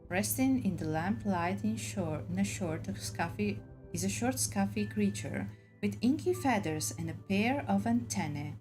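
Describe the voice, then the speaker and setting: A woman's voice: mid-range voice, lively intonation, unhurried. A woman reading story game narration aloud in a dramatic storybook way, occasionally stumbling on words. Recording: music bed under the voice. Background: clear background music.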